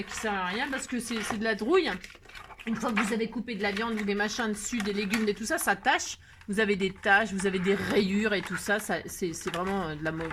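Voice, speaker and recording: A woman's voice: mid-range voice, background noise. A woman hosting a casual craft tutorial, chatty and playful, teasing herself and filling her talk with fillers. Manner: chatty, playful, self-mocking, many fillers. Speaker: crafting video host.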